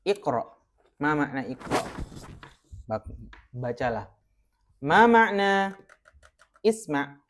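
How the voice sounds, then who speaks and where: A male Arabic teacher runs a classroom lesson, calling on students one by one. He speaks slowly and patiently, with a lively, rising and falling voice. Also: fairly high pitch, a little hiss or hum. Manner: patient, quizzing students by name, switching between Arabic and Indonesian.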